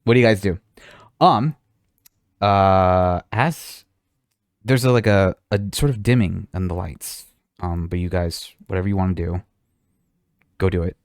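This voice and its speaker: A man's voice: low-pitched, measured pace, pauses often, dry recording, clean studio sound. A man running a tabletop game as game master, talking casually with a rambling manner. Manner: casual, rambling, lots of fillers.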